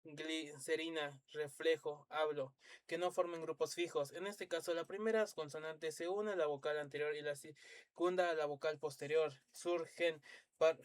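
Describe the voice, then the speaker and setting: A man's voice: on the high side, fairly even intonation, no room sound. A man reading an encyclopedia lesson aloud, stumbling and restarting words, with dry asides. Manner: halting, stumbles and restarts words, spells out letters, drops asides. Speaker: reader of an encyclopedia.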